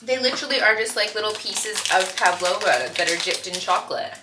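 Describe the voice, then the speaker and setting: A woman's voice: medium pitch, a little fast, reverberant, noisy background. A young woman, chatting casually to camera at home with lots of "like"s and "um"s, often giggling. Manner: chatty, giggly, rambling with many "like"s and "um"s. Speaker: vlogger. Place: home kitchen.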